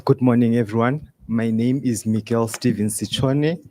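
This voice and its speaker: A man's voice: mid-range voice, moderate pace, darkish tone, slight background noise. A man on a youth advisory panel introducing himself at a meeting, confident and direct. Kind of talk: self-introduction.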